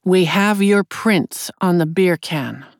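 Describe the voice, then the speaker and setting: A woman voicing a calm, probing female undersheriff. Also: on the low side, no echo, clean studio sound. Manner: measured, quietly probing. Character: calm steady female undersheriff questioning a victim.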